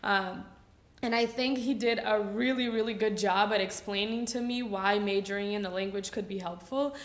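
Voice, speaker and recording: A Brazilian student in her twenties, a native Portuguese speaker, gives a casual, chatty symposium talk at a lectern microphone in a lecture hall, using frequent fillers. Her mid-range voice has fairly even intonation at a normal speed, and the room is echoey.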